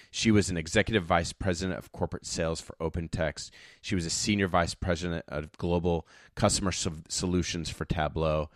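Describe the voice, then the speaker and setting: Low-voiced guy hosting a podcast, upbeat, dry close sound. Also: no room sound. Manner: upbeat, laughs easily. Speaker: podcast host. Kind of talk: podcast interview.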